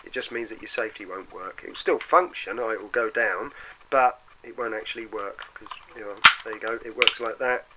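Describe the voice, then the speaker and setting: A man with a gravelly voice, roughened by a bad cold and sore throat, giving a casual, explanatory hands-on product review. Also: a little fast, heavy background noise. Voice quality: gravelly, deeper than usual from a cold. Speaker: product reviewer for an airsoft custom shop.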